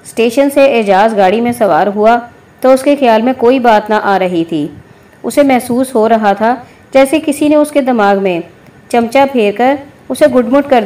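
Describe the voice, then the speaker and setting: A woman narrating a novel aloud in a measured, even storytelling manner. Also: fairly high pitch.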